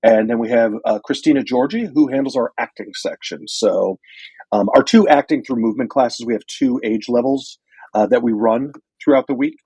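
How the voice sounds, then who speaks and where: A man's voice: mid-range voice, normal speed, warm tone, slightly rough, no room sound, low-quality recording. A man in the role of an arts school director, explaining things casually in an interview.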